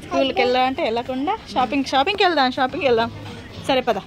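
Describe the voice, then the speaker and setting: A woman's voice: sits high, rapid-fire. Chatty mother coaxing her son. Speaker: mother vlogging a family outing. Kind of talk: casual family vlog. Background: background music.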